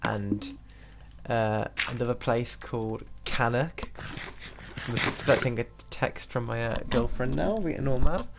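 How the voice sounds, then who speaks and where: There's background noise and game music as a British-accented gaming streamer from England, in his twenties, chats and rambles while playing, frequently laughing. His voice is medium-pitched and creaky, and he talks a little slowly.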